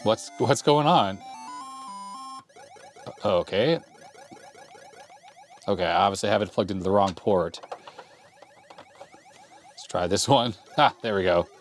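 This retro computer repair YouTuber, a man in his forties, talks slowly at a fairly low pitch with long pauses, soft music playing behind him. Filmed close up in a cluttered workshop, he relaxes into thinking aloud while typing and testing an old computer, keys clicking throughout.

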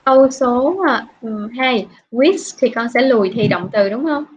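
A woman's voice: fairly high pitch, slight background noise. Woman teacher running an online class. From Vietnam. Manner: patient, questioning, drawn-out prompts. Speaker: English teacher. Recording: dull lo-fi online class audio.

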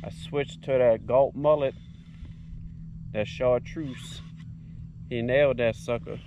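A man talking excitedly to himself while fighting a fish from a kayak, recorded outdoors on an action camera. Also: mid-range voice, takes it slowly, a little hiss or hum. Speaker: kayak angler filming his catch. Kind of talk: casual first-person commentary. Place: outdoors on a kayak on open marsh water. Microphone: head or chest-mounted action camera.

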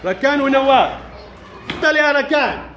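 High-voiced teacher quizzing pupils. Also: male voice, animated, fairly bright tone, slight background noise. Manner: brisk, playful, calling pupils by name. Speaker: primary school Arabic teacher. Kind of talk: classroom quiz with young pupils. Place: classroom.

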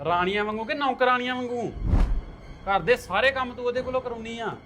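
A man's voice: extremely high pitch, brisk, over music. A man playing a young husband who angrily accuses his wife of mistreating his mute sister. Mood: angry. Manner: angry, accusing, shouting. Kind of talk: amateur family drama acting.

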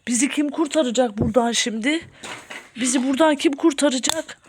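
A young mother playing a pretend-scared hiding game with her son in a home vlog, talking theatrically in gasps and hushed whispers. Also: high voice, brisk, slight background noise. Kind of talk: pretend-play family vlog.

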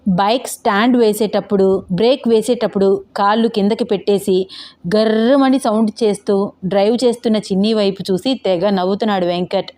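A woman's voice: mid-range voice, fairly quick. Woman reading a romance audio novel. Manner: expressive, even storytelling. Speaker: audio story narrator.

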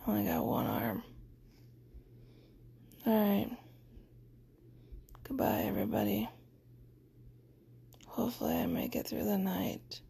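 A woman with a hoarse, scratchy throat talking in a tired, mostly whispered voice in a casual video diary. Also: medium pitch, big pitch swings, measured pace, long pauses, dark tone. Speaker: vlogger recovering from surgery.

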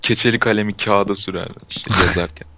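A young man playing a game with a friend, joking around and firing off quick comebacks. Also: on the low side, steady tone, background noise. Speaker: co-player. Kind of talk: casual gameplay chat.

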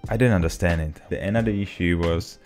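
A young man with a Czech accent talks to camera from a small home office, telling a relaxed story in slightly broken English. His voice sits low, and he speaks into a desk mic on a boom arm. Faint music plays underneath. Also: a little fast. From Czech Republic. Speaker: vlogger. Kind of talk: casual talk to camera.

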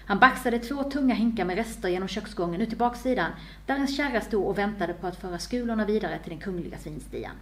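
A woman author reading her own story aloud with expressive storytelling. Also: mid-range voice.

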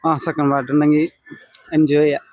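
A man's voice: a little high, level tone, quick pace, muffled recording, background noise. A man with a Malayali accent giving a casual film reaction as an interviewed moviegoer, mixing in English words. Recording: loud music under voice.

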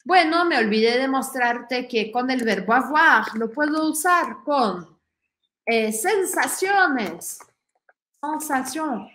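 Woman, French teacher, slow pace, echoey room. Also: high-pitched, expressive, a bit bright, slight background noise. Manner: drills conjugations slowly, repeating each form. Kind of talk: online language lesson.

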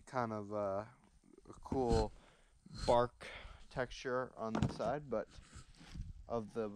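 A man's voice: fairly low pitch, fairly even intonation, takes it slowly, a little mellow, a little hiss or hum. A young man hosting a woodworking channel, chatting casually to the camera while he works in his workshop and out in the snowy yard. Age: young adult. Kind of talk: casual vlog chat. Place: wood workshop, then snowy yard outdoors.

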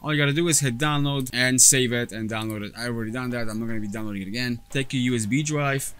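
With a medium-pitched, quick, slightly bright and clean voice, a data recovery technician in his thirties whose native language is Polish narrates a casual, step-by-step screen-recorded computer tutorial. He uses a clip-on lapel mic in a cluttered indoor workshop or lab, soft music plays in the background, and he often fills pauses and restarts sentences.

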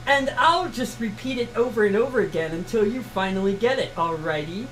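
A woman's voice: mid-range voice, lively intonation, brisk, natural voice, poor audio. A woman voicing a spunky, sarcastic young woman ex-gang bounty hunter in an amateur comic read-through. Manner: brash, sarcastic, slangy.

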